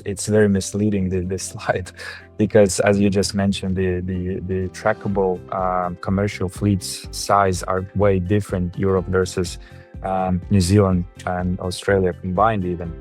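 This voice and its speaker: Low-voiced man from Lithuania on a panel. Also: little pitch movement, normal speed, a little mellow, soft background music. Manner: earnest, hesitant with restarts. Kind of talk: panel discussion.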